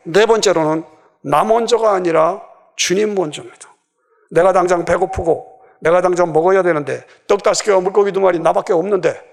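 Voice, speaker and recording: Gravelly, high-pitched Korean man preaching. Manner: impassioned preaching, acting out quoted voices. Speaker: pastor. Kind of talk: sermon.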